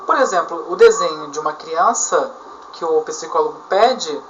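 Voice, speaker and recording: A woman with a Brazilian Portuguese accent explains argumentation in a lecture, laying out each point with examples. Her voice is bright and sits a little low. The recording sounds dull and lo-fi, with faint room ambience behind her. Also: animated, moderate pace, a little hiss or hum. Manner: explanatory, uses step-by-step examples. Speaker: teacher.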